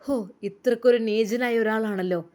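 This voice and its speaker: A woman's voice: a little high, moderate pace, warm tone, close to an everyday voice. A woman voicing a disgusted young wife muttering. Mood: indignant. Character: young wife, angry and disgusted, seeking revenge.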